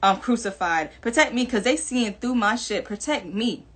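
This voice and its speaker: Speaking at a moderate pace in a slightly high, animated voice, she addresses her viewers frankly and forcefully. This New Yorker of Jamaican heritage, whose accent is Jamaican-American, often repeats points and laughs between them in her personal monologue.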